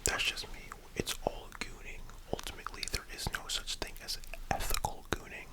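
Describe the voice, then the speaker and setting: An ASMR host speaking in a breathy library whisper, rambling casually and giving opinions. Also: brisk.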